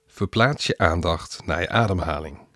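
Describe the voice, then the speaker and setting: A man guiding a breathing exercise in a calm manner, counting slowly and trailing off softly. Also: deep voice, no room sound.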